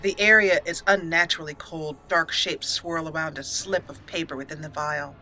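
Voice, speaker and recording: A cheerful let's play host commentates on her own game playthrough, chatty and upbeat, sometimes reading the game's text aloud as a story in roleplay narration. Her voice is low yet bright and forceful, on a low-quality recording with faint game music playing softly behind her.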